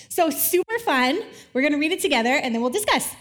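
A woman's voice: high voice, very animated, normal speed, fairly bright tone. A woman in her thirties giving a casual, playful sermon with laughing asides and a scripture reading. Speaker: pastor.

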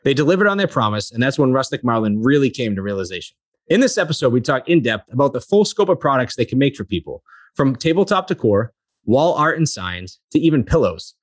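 Friendly and easygoing, a man running a local business podcast reads the intro and then loosely chats with guests in a casual interview format. He talks fairly quickly in a sing-song, medium-pitched voice, and there's no room sound.

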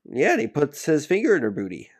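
A man co-hosting a podcast, telling stories in an animated, joking way in a casual chat. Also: fairly high pitch, fast. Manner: animated storytelling with laughs. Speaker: podcast co-host.

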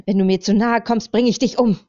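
A woman voicing a frightened but defiant young woman who shouts at her tormentor, on a slightly dull recording. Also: mid-range voice, fairly even intonation, fairly quick, no echo, voice pushed up, lightly acted.

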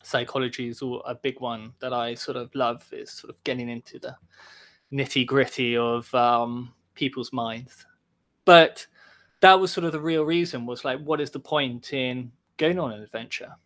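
A man's voice: medium pitch, moderate pace, a bit bright. A man talking as a guest on a podcast over a call, reflective and rambling, saying "sort of" often. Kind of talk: casual podcast interview. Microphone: remote call.

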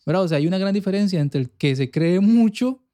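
A man's voice: high voice, animated, fairly quick, mellow. A young man with a Costa Rican accent, talking earnestly in a casual faith podcast and often checking whether the listener follows him. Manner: earnest, keeps checking in with "you get me?". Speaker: podcast co-host.

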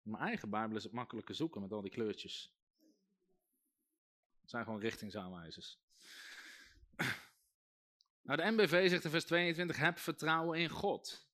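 A man's voice: mid-range voice, moderate pace, pauses often, pushed and bright. A man, a pastor, preaching a sermon and calling out to his congregation. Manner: preaching with rising emphasis and calls to the congregation.

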